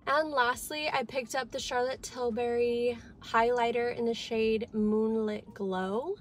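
A woman's voice: fairly high pitch, steady tone, a little slow, slight background noise. A woman in her twenties chatting bubbly and casually to viewers on a vlog, filmed on a phone at arm's length in a parked car. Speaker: beauty vlogger. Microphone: phone camera at arm's length.

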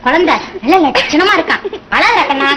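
An actress playing a gentle neighbor woman who coaxes and pleads for a child. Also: high-pitched, expressive, moderate pace, heavy background noise. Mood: coaxing.

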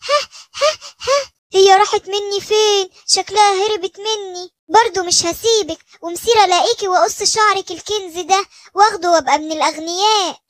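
A woman's voice: very high voice, steady tone, brisk, a little hiss or hum. A woman with an Egyptian Arabic accent voicing a greedy, cackling female witch in a children's cartoon story. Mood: scheming. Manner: cackling, menacing.

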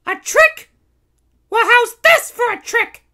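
A young cat princess from a storybook adventure. The voice sits extremely high and bright, with theatrical, declaiming delivery. She is proud and defiant. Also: expressive, takes it slowly, exaggerated voice. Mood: taunting, bold.

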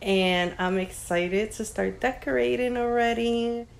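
A woman's voice: on the high side, measured pace, gravelly, a little hiss or hum. A young woman chatting casually to her phone camera at home, rambling with plenty of fillers as she vlogs. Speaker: lifestyle vlogger. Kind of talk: casual vlog chat. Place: living room, indoors. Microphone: phone camera held at arm's length.

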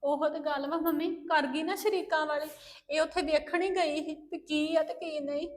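A woman's voice: sits high, steady tone, moderate pace. A woman playing a daughter in a family drama, aggrieved and complaining. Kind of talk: scripted family drama acting.

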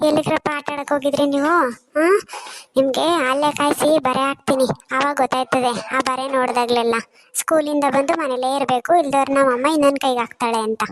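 A woman's voice: high voice, fairly even intonation, quick pace, slight background noise, close to an everyday voice. A woman voicing a scolding, exasperated village mother in a cartoon. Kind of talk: cartoon voice acting.

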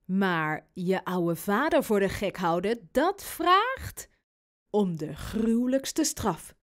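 A woman's voice: medium pitch, big pitch swings, slow pace. A woman doing a teasing, mock-stern dad. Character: sleepy, teasing father of a small boy.

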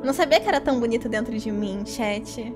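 A young Brazilian woman chatting casually as a cute anime-style VTuber streamer, excitable and gushing as she plays a game. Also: fairly high pitch, fast. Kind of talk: casual live game-stream commentary to chat. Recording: game music behind. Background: video game music.

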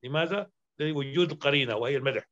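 A man's voice: fairly high pitch, very fast, a bit bright. A man teaching Arabic grammar in a lecture, explaining points step by step, repeating examples and often checking that listeners follow. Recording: dull lo-fi sound.

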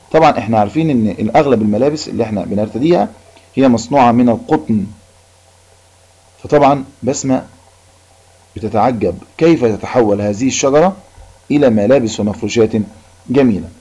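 A man with an Egyptian accent teaching an Arabic lesson, reading a passage and explaining it in colloquial speech, repeating each point slowly. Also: medium pitch, mellow, husky. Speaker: primary school Arabic teacher. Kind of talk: recorded classroom lesson. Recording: dull lo-fi recording.

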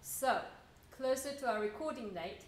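A woman's voice: high-pitched, lively intonation, normal speed. Woman, concert host; chatty, casual delivery, echoey church acoustics, faint noise. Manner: warm, chatty, with fillers. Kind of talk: spoken concert welcome. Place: church hall.

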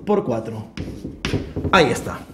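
Lively, joking math teacher. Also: male voice, mid-range voice, a little slow, noisy background. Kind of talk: animated math lesson.

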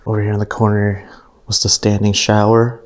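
An urban explorer vlogger wanders through an abandoned mansion, narrating casually in a lowish, monotone voice at a brisk clip. He's easily impressed and full of fillers, captured indoors on his camera mic.

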